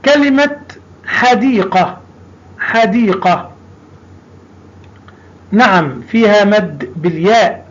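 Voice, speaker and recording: High-voiced male teacher explaining patiently. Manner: patient, stretches out sounds and repeats words for children. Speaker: primary school Arabic teacher. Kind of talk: recorded classroom lesson. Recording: dull lo-fi recording.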